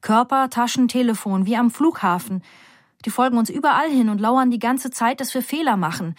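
A woman's voice: a little high, fairly quick, no echo, clean studio sound, close to an everyday voice. Woman voicing a fiery, defiant young student. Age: young adult. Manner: urgent, excited, outspoken.

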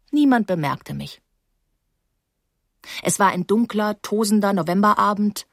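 Husky-voiced woman reading a novel. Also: mid-range voice, no echo, studio quality. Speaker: audiobook narrator. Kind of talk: first-person novel reading.

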